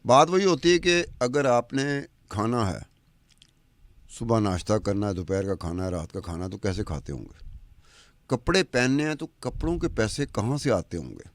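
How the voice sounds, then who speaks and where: A man's voice: on the low side, animated, no room sound. A man, a podcast commentator talking across from a woman anchor, stacking up rhetorical questions in an argumentative way.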